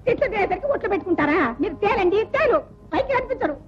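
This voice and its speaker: A domineering middle-aged mother-in-law with a sarcastic, scolding tongue. Her voice sits very high and runs fast. It comes from a dull old film soundtrack with loud music behind. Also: expressive.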